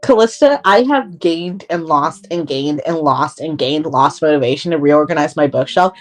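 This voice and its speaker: Chatty young woman podcaster, lowish voice. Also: moderate pace. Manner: chatty, laughing, lots of "like" and "um". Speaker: podcast co-host. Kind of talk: casual chat.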